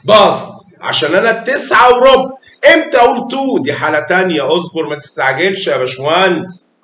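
A man's voice: lively intonation, fast, a bit bright. A man with an Egyptian Arabic accent teaching a class of young children, patient and affectionate, coaxing them along with pet names. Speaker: math teacher. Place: echoey classroom. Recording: echoey classroom with faint rumble.

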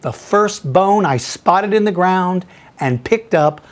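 A man's voice: high-pitched, animated, takes it slowly. A man hosting a paleontology podcast, answering listener questions in an enthusiastic, folksy way and calling listeners buddy.

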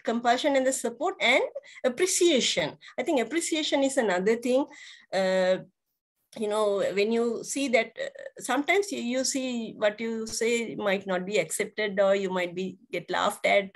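A middle-aged woman from Sri Lanka, a guest on a video-call interview, hesitant, with many fillers and restarts. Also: on the high side. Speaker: guest educator. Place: indoors, virtual background.

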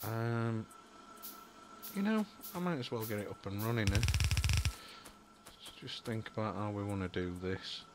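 Taking his time with long pauses, a young Yorkshire-accented gaming YouTuber rambles and thinks aloud through casual commentary on a building game, full of ums and apologies. His voice is on the low side and expressive, and background noise can be heard.

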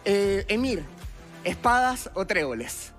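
A young man in his twenties with a Venezuelan accent delivers theatrical stage-magic patter on a large TV studio theatre stage, speaking to the judges through a headset mic as a talent show contestant. His voice is high-pitched, very animated, slow and fairly bright, with music playing under the performance.

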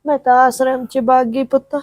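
A woman's voice: sits high, little pitch movement, moderate pace, darkish tone, dry recording, muffled recording, lightly acted. A woman playing an older mother who speaks tenderly and sorrowfully to her son. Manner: pleading, tearful, soothing. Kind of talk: village drama acting.

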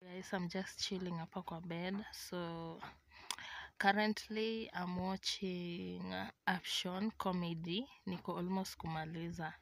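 A woman's voice: lowish voice, steady tone, slow pace, fairly bright tone. Tired Kenyan woman murmuring to her phone. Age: young adult. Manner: tired, murmured half-whisper. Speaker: vlogger. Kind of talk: casual vlog chat, mixing English and Swahili slang. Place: dim bedroom at night. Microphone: phone camera held close.

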